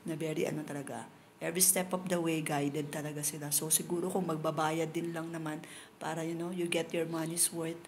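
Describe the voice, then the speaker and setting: A woman's voice: low voice, flat delivery, brisk, a little hiss or hum. A woman from the Philippines, chatting emotionally and directly with viewers on a live stream, speaking into a phone outdoors. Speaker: livestreamer. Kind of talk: casual live-stream chat.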